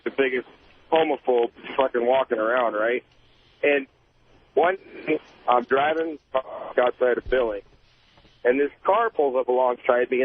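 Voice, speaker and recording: A man from Montana, a trucker, calls into a radio show and tells a casual story. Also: mid-range voice. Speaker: caller, trucker. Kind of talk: phone-in anecdote. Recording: tinny phone line with faint hiss.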